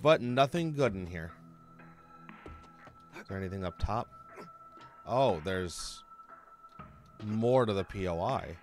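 Unhurried man narrating his gameplay. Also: fairly low pitch, expressive, a little mellow, faint music behind. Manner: chatty, talks to himself and the enemies, swears when hurt. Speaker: gaming channel host. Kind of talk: let's play commentary.

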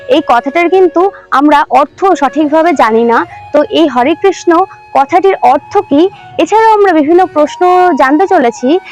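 Female devotional host, high voice, earnest explanatory delivery, soft music under her. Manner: earnest explanatory, recites Sanskrit verses slowly. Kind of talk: religious teaching talk. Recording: faint background music.

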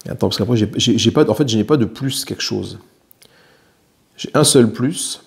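A man's voice: lowish voice, normal speed, vocal fry. A man with a French accent playing a solo board game, thinking aloud as he counts dice and swears lightly at bad rolls. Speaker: board game player narrating his solo play.

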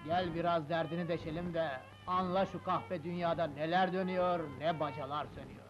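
A man's voice: a little high, fairly even intonation, brisk, lightly acted. An actor playing a world-weary fellow inmate who tells a newcomer about the old man. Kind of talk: 1950s film drama acting. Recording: dull old film soundtrack with loud music.

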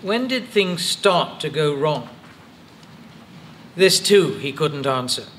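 A man narrating a stage play in a slow, deliberate storytelling manner. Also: fairly high pitch, expressive, fairly bright tone, slight background noise.

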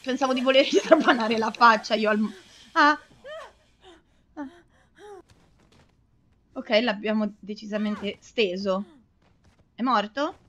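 A young woman giving anxious, excitable commentary while playing a game, pleading and exclaiming as she goes. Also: on the high side, slow, pauses often. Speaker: let's play host.

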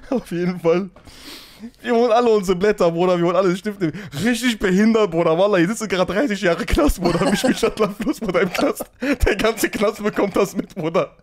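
A man's voice: sits high, a little fast. A man telling a funny story in casual street slang, laughing often as he goes. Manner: animated, slangy, keeps saying "Bruder".

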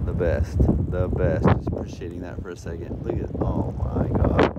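A man hosting a wildlife vlog outdoors at night, giving excited, awestruck casual commentary with swearing and short repeated exclamations. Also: low voice, normal speed, lo-fi sound. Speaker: snake-hunting wildlife vlog host. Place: outdoors on a windy road at night. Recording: loud wind noise on outdoor mic.

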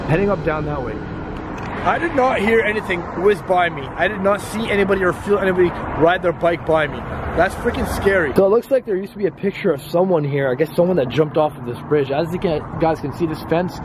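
A young man in an excitable, slangy, casual vlog to camera, filming himself outdoors. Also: high-pitched, fast. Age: young adult. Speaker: vlogger, host of the channel. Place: outdoors on a road bridge at night. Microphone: camera held at arm's length. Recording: noisy outdoor street with traffic.

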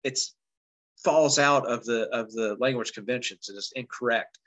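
A man's voice: medium pitch, moderate pace, fairly bright tone, low-quality recording. Rambling conversational male teacher. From West Virginia, United States. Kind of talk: casual lecture on grammar.

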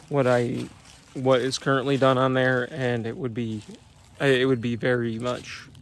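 A man's voice: mid-range voice, vocal fry. A young man in his twenties, a small business owner, talking casually to a phone camera outdoors in the woods, rambling with many fillers and restarts. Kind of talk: casual vlog talk. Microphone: phone at arm's length.

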